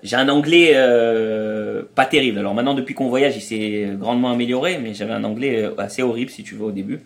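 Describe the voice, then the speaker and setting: A middle-aged man appears as a guest in a casual interview, a traveling parent explaining things and sharing anecdotes in a familiar tone. He talks fast in a gravelly, mid-range voice, often hesitating and restarting his sentences.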